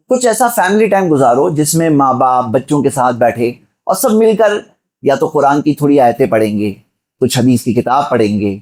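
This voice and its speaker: A man's voice: a little high, a little mellow. Exhorting preacher, man. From Mumbai, India. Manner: exhorting, with rhetorical questions and direct address to the listeners. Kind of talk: Friday sermon.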